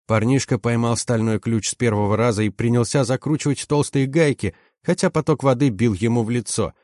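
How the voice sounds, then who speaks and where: Brief: male audiobook narrator, mid pitch, tense storytelling, very dry close recording. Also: a little fast, darkish tone, dry recording. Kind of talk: first-person audiobook narration.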